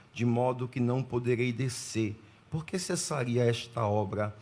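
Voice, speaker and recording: Greeting the congregation from a church sanctuary, this Pernambuco-born man serves as guest preacher, reading scripture with careful pauses. He speaks at a typical mid pitch, and his sermon delivery is deliberate and formal.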